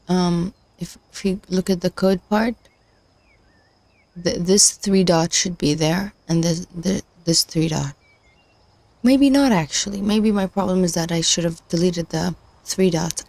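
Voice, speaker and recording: This woman's fairly low voice is creaky, a little mellow, and a bit slow, captured in a dry recording. Hosting a casual livestream while learning machine learning, she thinks aloud hesitantly, restarting often and filling pauses, as her voice goes.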